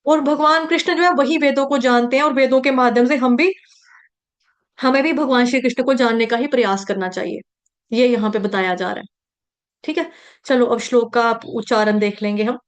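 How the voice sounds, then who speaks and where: A woman teaching how to recite Sanskrit verses, patiently repeating each syllable and chanting lines slowly. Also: a little high. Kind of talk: slow syllable-by-syllable pronunciation lesson.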